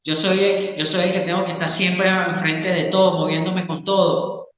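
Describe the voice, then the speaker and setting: A man's voice: high-pitched, flat delivery, moderate pace, a bit bright. A man, a psychologist explaining ideas in an interview and often checking in with the listener. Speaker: psychologist and Gestalt therapist, interview guest. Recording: echoey room, long reverb, dull sound.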